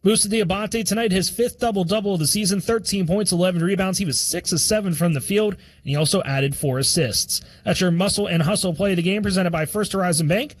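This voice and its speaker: A man hosting a radio post-game show, giving the final score and highlights in a brisk announcer read with sponsor plugs. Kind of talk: scripted sports radio recap. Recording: music bed under the voice.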